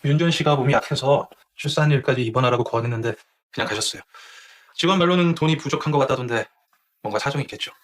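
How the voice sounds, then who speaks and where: An actor voicing a cautious hospital staffer who speaks politely and hesitantly in a dubbed TV drama. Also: male voice, medium pitch, fast, close to an everyday voice.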